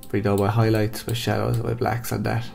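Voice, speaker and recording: A man with a blocked-up, nasal voice from hay fever, calmly talking through a software photo-editing tutorial step by step. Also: on the low side, a little fast, creaky, soft background music. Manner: calm step-by-step instructions. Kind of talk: screen-recorded software tutorial.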